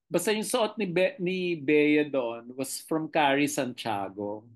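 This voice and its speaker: A middle-aged television director with a Filipino accent talks through behind-the-scenes memories in a relaxed interview. The delivery is animated and expressive, voice rising and falling with each story. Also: medium pitch, slow.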